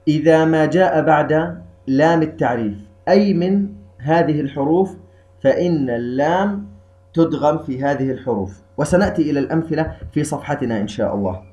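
A man teaching Quran recitation rules in a calm, methodical lesson. He slows down to recite the verses. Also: on the high side. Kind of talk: explanatory tajweed lesson.

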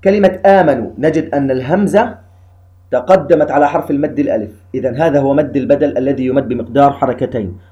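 A man gives a patient, methodical lesson with a mellow, warm tone. His pitch sits in the middle range, and he walks through each step and repeats it carefully. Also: quick pace, dull audio. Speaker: Quran recitation rules teacher. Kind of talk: slow explanatory lesson.

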